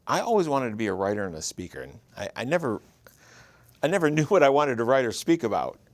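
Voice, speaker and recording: His mid-range voice swings widely in pitch and moves quickly on a dry recording. This easygoing storyteller is a writer and producer in his fifties from Michigan, with an accent to match, talking casually as an interview guest.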